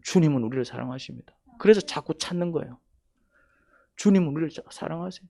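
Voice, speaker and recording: A Gyeongsang-accented male pastor with a slightly high voice preaches a sermon in thick dialect. He drops to near-whispers, then bursts into loud, emphatic lines. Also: quick pace, gravelly. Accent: Gyeongsang Korean. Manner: dialect-heavy, emphatic, swings from quiet to loud.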